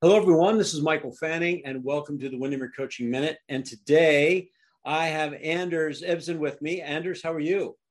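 A man's voice: fairly high pitch, a little fast. A man hosting a podcast interview, enthusiastic and full of uhs as he talks. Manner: enthusiastic, filler-heavy with many uhs. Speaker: podcast host. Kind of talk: casual interview.

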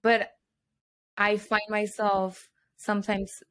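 A woman's voice: mid-range voice, little pitch movement, takes it slowly, slight background noise. A woman in her twenties, a native Spanish speaker, chatting casually as a podcast co-host. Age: 20s. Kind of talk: casual chat.

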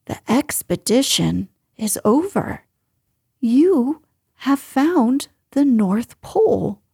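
Earnest storybook boy played by a woman: kind, caring, slightly raised pitch, clean. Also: slow, warm tone, slightly rough, no room sound, clean studio sound. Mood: solemn. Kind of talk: children's storybook character voice.

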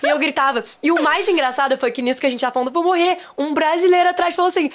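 A young woman with a Brazilian Portuguese accent, chatting as a podcast guest and telling a travel story with lively acted-out quotes. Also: high voice, very fast, very noisy. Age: young adult. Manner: chatty, animated storyteller who acts out quotes.

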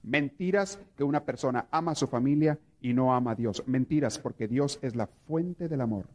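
A man's voice: mid-range voice, moderate pace, dull audio. A man, a priest, teaching a prayer course to a live group, telling stories and asking his listeners questions. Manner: animated storytelling, asks the audience questions.

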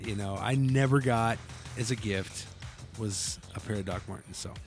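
A man's voice: lowish voice, normal speed, faint music behind. A man co-hosting a casual podcast, telling a family story and acting out the quotes with laughs. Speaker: podcast co-host.

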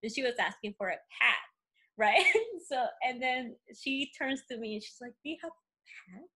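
This woman's voice is a little high and slightly rough, moving at a moderate pace. She speaks with the Spanish accent of a native Spanish speaker while chatting casually as a podcast guest, telling animated stories full of fillers.

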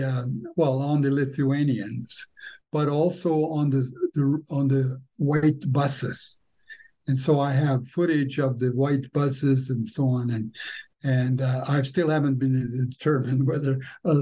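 An older man with a husky voice, recounting history haltingly, often repeating words as he searches for the next one. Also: medium pitch, mellow, rough recording. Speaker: interviewee telling family war history. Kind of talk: spoken historical recollection.

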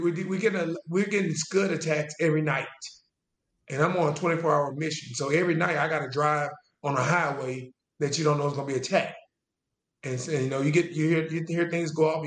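A man in his forties tells his story as a guest, drawing out his words and circling back on himself with restarts. His voice sits a little high for a man. The room around him sounds echoey. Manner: casual Southern US speech, drawn-out and halting with restarts. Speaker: interview guest, veteran. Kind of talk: conversational storytelling. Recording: roomy echo.

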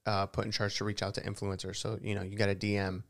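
A man's voice: on the low side, monotone, fast talker. A young man co-hosting a podcast, chatting casually and easygoingly about his work. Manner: easygoing, quotes shouting photographers in loud raised voice. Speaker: podcast co-host. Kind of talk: casual chat.

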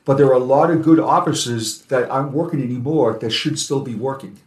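A man's voice: medium pitch, a little fast, a little mellow. Plain-spoken, emphatic man in an echoey room. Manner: plain-spoken, emphatic, repeats words for stress. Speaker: guest, advocate for officer mental health and peer support. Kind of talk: earnest conversational interview.

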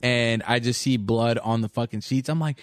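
A young man chats casually, jumping in to add details to his friend's story. His voice is at an average pitch for a man. The recording is dry and close-miked. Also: steady tone, normal speed, clear, resonant tone, no room sound. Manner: chiming in, backing up the story. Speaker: podcast co-host. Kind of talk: casual chat.

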